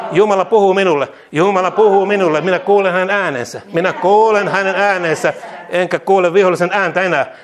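A man preaching and leading prayer, repeating each phrase twice with bursts of laughter and exclamations. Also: high voice. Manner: fervent declarations, calmer teaching later. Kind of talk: charismatic sermon and prayer.

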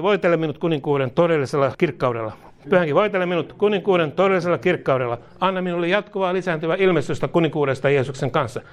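A man leading a charismatic prayer, repeating each phrase and declaring commands, with bursts of speaking in tongues. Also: on the high side. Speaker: prayer leader.

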